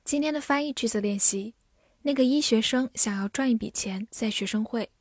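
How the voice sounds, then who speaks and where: A woman teaching English vocabulary from a script, spelling each word letter by letter and repeating it slowly. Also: on the high side, no echo, clean studio sound.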